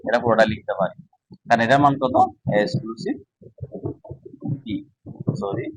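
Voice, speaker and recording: A man's voice: medium pitch, very animated, fairly quick, creaky, dry recording, low-quality recording. Dry-voiced male teacher. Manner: explains step by step, often checking understanding. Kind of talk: casual whiteboard lesson.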